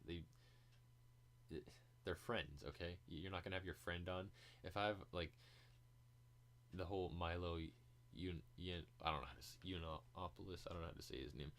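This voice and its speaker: A male podcast host with a very deep, low voice talks off the cuff. He rambles and hesitates, restarting thoughts and swearing freely as he goes. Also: steady tone, normal speed, a bit bright. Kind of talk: casual podcast monologue.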